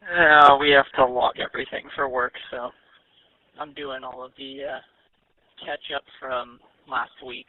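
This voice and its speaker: Young male ham radio caller over a thin, narrow-band radio transmission, casual with a teasing edge, mid-pitched. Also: flat delivery, unhurried. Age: young adult. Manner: easygoing, teasing. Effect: heard over a radio transmission. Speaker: radio net check-in caller.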